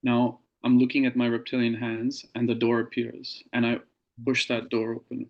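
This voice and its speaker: A man appears as an interview guest, describing something he personally went through in a measured, earnest manner with pauses. His mid-range voice is monotone, and the sound is lo-fi.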